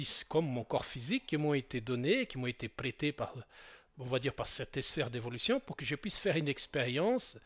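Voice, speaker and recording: A man giving an unscripted spiritual monologue, talking hesitantly with many restarts and fillers and long spoken lists. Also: fairly high pitch. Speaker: spiritual speaker.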